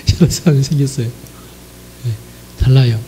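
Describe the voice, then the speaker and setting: A mid-range, mellow voice at a measured pace belongs to a preacher from South Korea's Jeolla region. His sermon is chatty and direct, full of affirming asides to the listeners, with slight background noise.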